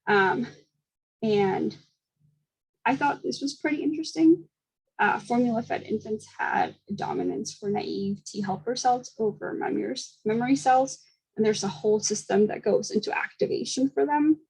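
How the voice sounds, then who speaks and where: A young woman presents a seminar talk at a brisk clip, with frequent ums and small laughs. Her voice has a gravelly fry and a slightly husky edge. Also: a little high, sing-song, darkish tone, rough recording. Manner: quick, with fillers and small laughs. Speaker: student presenter.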